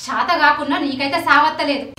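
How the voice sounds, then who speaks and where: A woman's voice: sits high, steady tone, brisk, close to an everyday voice. A woman with a Telangana accent playing a cruel, two-faced young daughter-in-law who snaps harshly and turns sugary when watched. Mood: cruel, scornful. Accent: Telangana Telugu. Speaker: actress. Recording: echoey room, mic far off, music.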